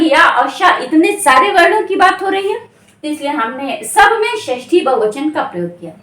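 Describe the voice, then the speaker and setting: A woman with a very high, animated voice leads an exam-prep grammar lesson at an unhurried pace. She keeps asking questions and answering them herself, and stretches syllables to make sounds clear. Her voice rings in an echoey room. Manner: slow, drawn-out syllables when stressing sounds. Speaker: Sanskrit grammar teacher.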